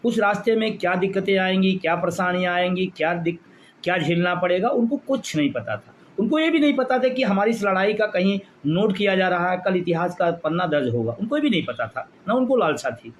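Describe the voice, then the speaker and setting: A man's voice: high voice, expressive, brisk, a little hiss or hum. A man leading a pension movement, giving an impassioned rally speech full of repeated phrases for emphasis.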